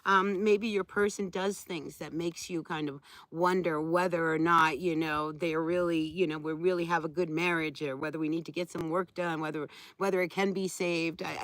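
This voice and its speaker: A woman's voice: lowish voice, fairly bright tone, no room sound. A woman giving a live tarot reading outdoors, talking to viewers in a conversational, familiar way. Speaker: tarot reader hosting a live stream.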